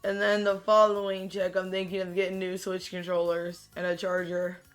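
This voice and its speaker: A streamer talks casually while gaming, his voice raspy and monotone, sounding tired and low-key as he rambles and keeps restarting sentences. He speaks at a normal speed over soft background music.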